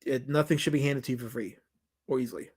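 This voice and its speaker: Fast and slightly breathy, this mid-range male voice belongs to a documentary director with a New York accent hosting a livestream Q&A. Chatting casually over viewer comments, he answers questions emphatically and ramblingly, with many restarts and repetitions.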